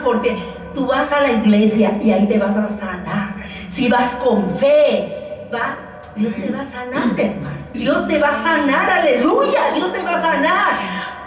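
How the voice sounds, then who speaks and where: An older woman preaching a sermon in a church, often calling her listeners brothers and laughing between points. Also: sits high. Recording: echoey church room, voice from the mic's distance.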